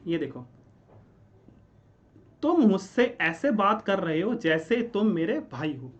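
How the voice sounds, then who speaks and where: A man's voice: high-pitched, big pitch swings, slow, lo-fi sound. Male teacher quizzing his own points. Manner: explains step by step, asks and answers his own questions; keeps checking in with "ठीक है?". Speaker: English teacher. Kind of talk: classroom-style grammar lesson.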